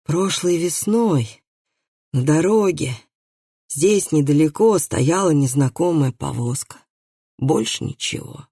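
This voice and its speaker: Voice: mid-range voice, lively intonation, slow pace, warm tone, slightly rough, dry recording, clean studio sound, exaggerated voice. A reader voicing a frightened man, an executioner's helper, who answers in a weak, faltering voice. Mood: uneasy.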